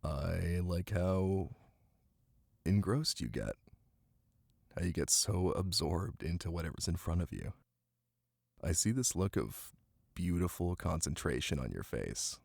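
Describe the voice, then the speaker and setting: Heavily acted and animated, a man with a deep, husky voice plays an affectionate, playful, ticklish boyfriend reading aloud to his partner in an intimate ASMR roleplay. He speaks softly, teasingly and without hurry, pausing with murmurs, in a tender, affectionate mood. The close, dry recording on a close mic has no echo and carries rain ambience in the background.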